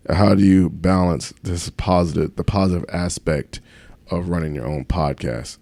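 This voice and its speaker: A man's voice: very deep voice, vocal fry, warm tone, no echo. A man chatting casually as a playful podcast host, who pronounces his th sounds as f.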